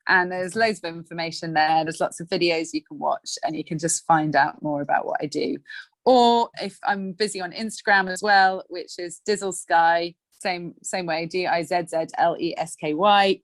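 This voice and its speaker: On a podcast interview, a woman guest coach with a lowish voice talks about her life and work in a casual, animated way, sometimes acting out little scenes. The recording has no echo.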